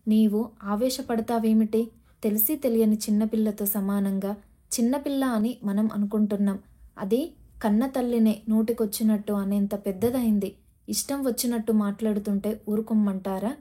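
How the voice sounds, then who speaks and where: A stern young mother from a family storybook, quick to anger and sharp with her daughter, voiced by a woman reading the tale. The voice is mellow and mid-pitched. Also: steady tone, close to an everyday voice. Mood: angry.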